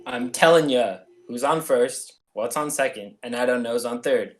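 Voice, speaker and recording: A man's voice: medium pitch, moderate pace, lightly acted. A man playing a genial local comedian doing folksy showman patter in an old-time radio comedy routine. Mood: patient, bantering. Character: chatty, genial 1940s local stage comedian.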